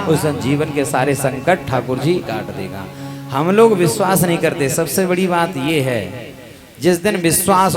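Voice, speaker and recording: A man preaching a devotional sermon, telling sacred stories and sinking his voice low and soft at the ends of phrases. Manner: storytelling, drops voice low and soft at line ends. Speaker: Bhagavat katha preacher. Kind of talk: devotional sermon with chanted Sanskrit verses. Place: live katha gathering with music accompaniment. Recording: musical instruments playing behind.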